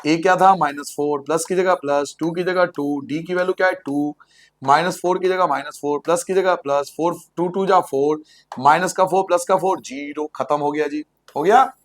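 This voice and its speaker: A man's voice: a little high, fairly even intonation, moderate pace. A man teaching a school maths lesson to students, asking questions and answering them himself, repeating each step in a sing-song way and joking with the class. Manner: playful, jokes with the class.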